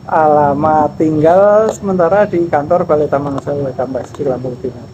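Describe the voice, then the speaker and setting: A man in his fifties, head of a national park office, answering interview questions in a measured, explanatory way with frequent pauses and fillers. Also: a little high, muffled recording. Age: 50s. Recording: noisy background with passing vehicles.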